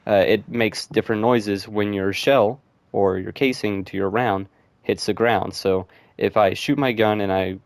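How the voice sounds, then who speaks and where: Low, flat-voiced man rambling over gameplay. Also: measured pace, gravelly, no echo. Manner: rambling, loose, with frequent fillers like "and stuff". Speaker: gameplay commentator. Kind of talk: casual gameplay commentary.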